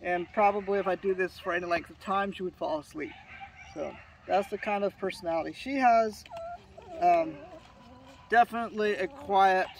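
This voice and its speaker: A hoarse man, a dog breeder, presenting puppies in a fond, rambling way with many fillers and restarts. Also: high voice, recorded from a distance, a little hiss or hum. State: hoarse from sinus trouble. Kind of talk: casual on-camera puppy showcase.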